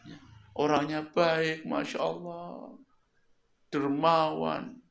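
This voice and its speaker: A man preaching a sermon at home, telling a story with lively questions to his listeners. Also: on the high side, slow, creaky. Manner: lively storytelling, questions the audience and repeats words. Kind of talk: sermon to a local congregation. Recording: roomy echo.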